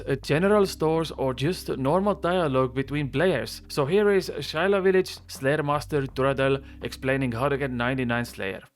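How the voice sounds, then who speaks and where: A man hosting a gaming video with conversational, emphatic, enthusiastic scripted narration. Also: fairly high pitch. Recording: music bed under voice. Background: background music.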